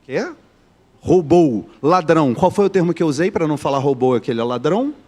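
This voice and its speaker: A man's voice: fairly high pitch, expressive, brisk, a little mellow. A man from Rio de Janeiro with a Carioca accent, teaching a live online class, joking and quizzing his students as he goes. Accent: Carioca Brazilian Portuguese. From Rio de Janeiro, Brazil.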